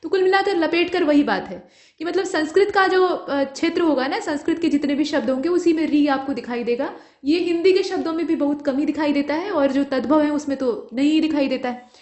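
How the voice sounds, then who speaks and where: A woman's voice: high-pitched, brisk, darkish tone. A woman teaching an exam prep lesson, explaining patiently and checking in often with her students. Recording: echoey room.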